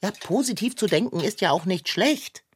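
A woman voicing a sardonic know-it-all sidekick in a children's radio play, husky, dry and teasing. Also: medium pitch, lively intonation, moderate pace.

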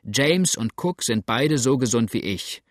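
A man voicing a gruff, flustered old backwoods farmer who grumbles and blurts things out. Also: mid-range voice, expressive, a little slow, no echo, studio quality, close to an everyday voice. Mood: flustered grumbling. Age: older. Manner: grumbling, rattled, loud outbursts.

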